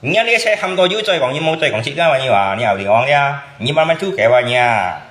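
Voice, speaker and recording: A man's voice: medium pitch, expressive, quick pace, fairly bright tone. A man from Indonesia chatting casually as a channel host, often asking back with short questions. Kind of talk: casual chat. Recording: roomy echo.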